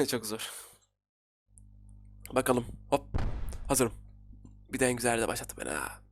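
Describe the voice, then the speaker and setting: A man in his twenties giving excitable, casual commentary while playing a game, talking to his viewers. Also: mid-range voice, a little slow, faint music behind. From Turkey. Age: 20s. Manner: excitable, talks to viewers while playing, frequent laughs and repeated words. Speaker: gaming YouTuber.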